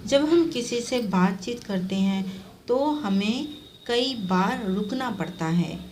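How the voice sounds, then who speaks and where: A woman teacher walks young pupils through a grammar lesson, patient and repetitive, slowing down to read out each example. Her voice sits at an ordinary middle pitch. A faint hiss of background noise runs under the recording. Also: animated, a little mellow. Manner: patient explaining, repeats and reads out examples slowly. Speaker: primary school Hindi teacher. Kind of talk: classroom lesson explaining grammar to children.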